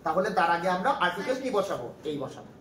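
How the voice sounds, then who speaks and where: A man's voice: high voice, very animated, fast talker, a crowd in the background. A man with a Bangladeshi accent teaching a classroom grammar lesson, patiently asking his class questions and repeating his points. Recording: echoey room from far off, faint noise.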